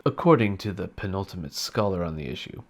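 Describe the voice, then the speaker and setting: Deadpan sarcastic man ranting. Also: sits low, a little fast, over music. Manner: mock-earnest, deadpan sarcasm. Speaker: satirical commentator. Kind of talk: sarcastic comedic rant.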